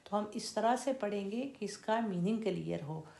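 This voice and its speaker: A woman teaching Quran recitation in a slow, deliberate lesson, stretching out and repeating each syllable to show how it is said. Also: medium pitch, gravelly, mellow. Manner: drawn-out demonstration of each syllable.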